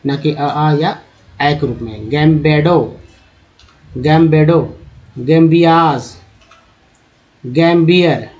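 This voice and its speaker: Male tutor, very slow and deliberate, slightly high voice, spells out and repeats each word; dull lo-fi audio. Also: a little mellow. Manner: sounds out words letter by letter, repeating each one. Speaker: English reading teacher. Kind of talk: slow spoken lesson spelling out word pronunciations. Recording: dull lo-fi recording.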